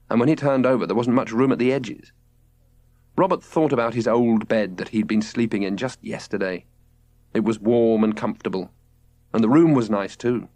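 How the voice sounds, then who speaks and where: Expressive and scripted, this children's audiobook narration comes from a man with a mid-range voice, recorded with no echo.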